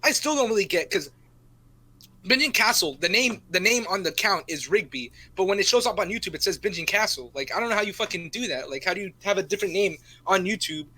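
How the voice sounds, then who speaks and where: A young podcast co-host with a high, expressive, sharp-toned voice speaks quickly as he tells a long, rambling story in casual chat. He swears often and keeps tacking "right?" onto his sentences.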